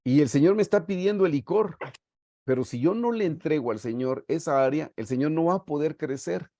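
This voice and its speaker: This is a brisk, expressive, fairly high-pitched male voice, with no room sound and a clean studio quality despite the video call microphone. He is a middle-aged Guatemalan man giving a Bible study by video call, preaching earnestly, telling warm pastoral stories and often saying "hermanos" to his listeners, meaning brothers.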